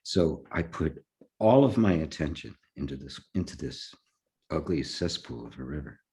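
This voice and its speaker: Older man with a very deep voice. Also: lively intonation. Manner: halting, repeats words, soft laughs. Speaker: spiritual teacher. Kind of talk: personal storytelling in conversation.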